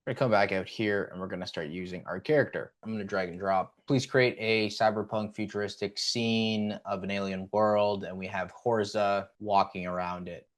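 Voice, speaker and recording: A man hosting a casual screen-recorded tutorial. He speaks in a somewhat low voice. His delivery is relaxed and full of fillers as he walks through each step. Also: normal speed, hardly any pauses. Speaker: tutorial host.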